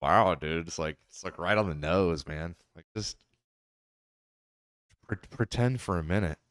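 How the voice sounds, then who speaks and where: A man's voice: low voice, unhurried, no room sound, clean studio sound. A man co-hosting a podcast, chatting casually in a joking style.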